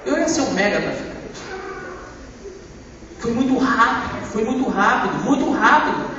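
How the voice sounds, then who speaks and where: A man giving a church testimony, impassioned, swinging between loud outbursts and hushed lines. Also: extremely high pitch, animated, normal speed, background noise. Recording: echoey church hall from far off, dull sound.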